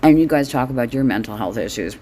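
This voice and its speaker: The same solo host, a middle-aged woman, keeps up her blunt, wry, sweary comedic monologue in a casual, chatty style. Here her pitch is extremely low, and she talks fast and animatedly in a mellow voice, with some hiss or hum in the background.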